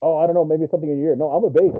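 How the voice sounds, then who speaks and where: A man co-hosting over a call, joking in quick replies, his voice garbled as if underwater. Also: fairly high pitch, steady tone. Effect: garbled underwater-sounding mic. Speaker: co-host on a remote call. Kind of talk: casual chat. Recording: muffled lo-fi call line with noise.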